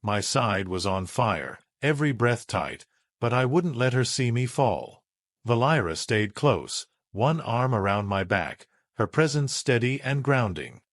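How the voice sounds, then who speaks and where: A man reading a first-person sci-fi story aloud in a measured, dramatic way. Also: medium pitch, sing-song, dry recording, clean studio sound. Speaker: narrator.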